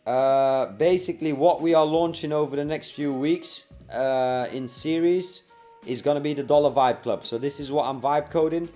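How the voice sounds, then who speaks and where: A young man hosting a casual live stream, reading and answering viewer comments by name in a relaxed, chatty way. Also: a little high, normal speed, soft background music.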